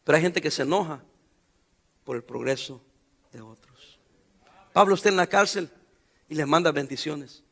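A middle-aged man preaching a sermon, his voice high for a man, bright and gravelly. He jokes, turns sarcastic and talks in everyday slang to the congregation. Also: lively intonation, moderate pace, pauses often. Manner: sarcastic, joking, colloquial preaching. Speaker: pastor.

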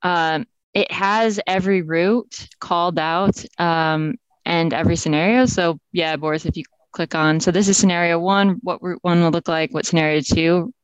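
A woman's voice: on the low side, fairly even intonation, normal speed, hardly any pauses, smooth, no echo. Woman explaining over a video call. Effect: heard over a video call. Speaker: software engineer presenting a map. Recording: dull lo-fi video call audio, dry.

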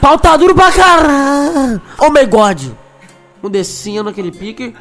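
A man from Brazil, a DJ, rattling off crude, rowdy shout-outs over a mix, yelling names and laughing. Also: extremely high pitch, unhurried. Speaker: DJ giving shout-outs on his podcast mix. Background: funk music beat.

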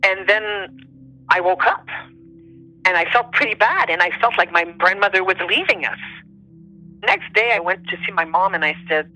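A woman whose first language isn't English recounts personal stories as an interview guest, speaking conversationally and reaching for words as though translating internally. Medium-pitched, pushed and bright, she speaks at a moderate pace with long pauses, over faint background music on a rough recording.

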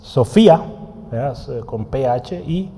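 A man's voice: medium pitch, lively intonation, slow pace, dark tone, in a large hall, slight background noise. A man teaching a Bible study lesson in a conversational way, often asking his listeners questions and writing on a board. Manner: writes on a board while teaching.

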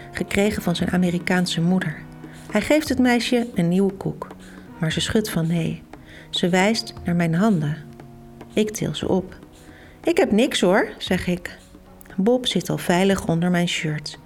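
A young adult woman hosting and reading a children's book aloud as a lively storyteller who gives the characters' lines their own voices. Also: fairly low pitch, a little slow, faint music behind. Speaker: host and storybook reader.

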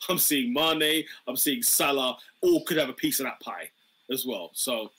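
A man's voice: mid-range voice, moderate pace, pushed and bright, breathy edge. A man in his thirties with an urban London roadman accent, hosting casual football banter in slangy, repetitive street talk. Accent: London, urban roadman slang style. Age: 30s. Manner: slangy street-style talk, repeats phrases. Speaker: podcast host and DJ.

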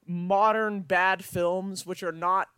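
A young man with a fairly high, clean voice chats casually as a podcast co-host. He is irreverent and free with swearing, and the sound is close and dry. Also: fairly even intonation, takes it slowly, pushed and bright, clean tone, no echo. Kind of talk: casual chat about a film.

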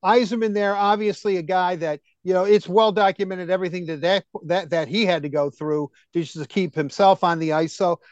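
A man co-hosting a hockey talk show, rambling excitably and full of fillers and restarts. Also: high voice, a little fast, few pauses, no echo, muffled recording. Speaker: co-host. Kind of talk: casual sports chat.

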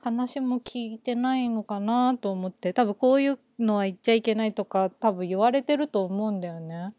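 A woman in easy, casual conversation, talking in an animated way. She drops into a gruff, lower voice whenever she mimics what someone else said. The recording is dry and close, with hardly any room sound. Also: normal speed, no echo. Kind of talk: casual chat.

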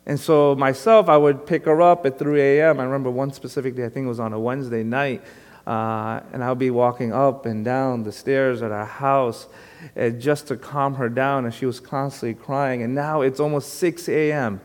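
A man in his thirties from Brooklyn preaches in a relaxed, conversational way, with plenty of fillers and a self-deprecating touch. His mid-range voice sits right in the middle for a man. The sound carries a long reverb, like a church sanctuary. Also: mid-range voice, moderate pace. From Brooklyn, New York. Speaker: guest pastor. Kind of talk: sermon.

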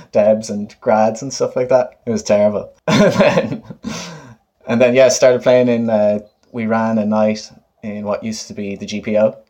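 Casting: man, late 20s, west of Ireland accent, low voice, casual and informal interviewee. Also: measured pace, dark tone. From Galway, west of Ireland. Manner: informal, often laughing. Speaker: guest, musician and DJ.

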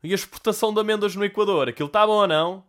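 A man's voice: high voice, racing, voice pushed up, close to an everyday voice. A man voicing a chatty, nosy taxi driver who talks in a jovial, chummy way.

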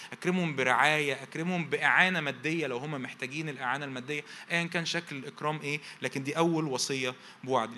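A man's voice: mid-range voice, sharp tone, slight background noise. A man preaching a sermon as pastor, with an Egyptian accent. He stacks phrases in repeated lists and prompts his congregation with rhetorical questions to finish each verse. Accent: Egyptian Arabic.

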